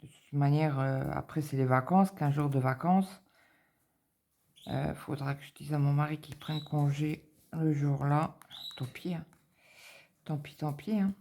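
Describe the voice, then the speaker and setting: A woman's voice: deep voice, a little slow, pauses often, warm tone. A middle-aged woman chatting casually and anxiously, rambling with many fillers and repetitions. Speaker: cross-stitch vlogger.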